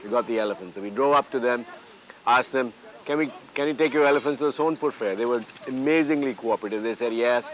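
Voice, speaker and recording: A man's voice: medium pitch, quick pace, fairly bright tone, low-quality recording. A middle-aged man recounting a trip in casual, anecdotal storytelling.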